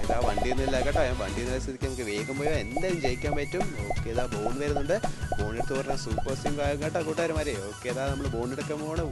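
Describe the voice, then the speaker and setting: A young man hosting a children's phone-in game show, calling the game with excited, sing-song, coaxing talk aimed at kids. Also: medium pitch. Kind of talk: live game commentary for kids. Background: background music.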